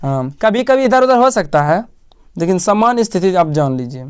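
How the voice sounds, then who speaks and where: Smooth-voiced male tutor drilling grammar. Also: sits high, sing-song, moderate pace. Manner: asks questions and answers them himself, repeating key words. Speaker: teacher. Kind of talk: classroom-style grammar lesson.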